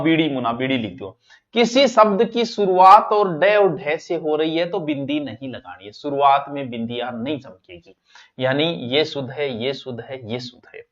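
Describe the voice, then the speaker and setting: A male teacher with a Rajasthani accent giving an exam-prep grammar lesson, talking straight to his students and swinging between loud and soft. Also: on the high side. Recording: dull lo-fi online class audio.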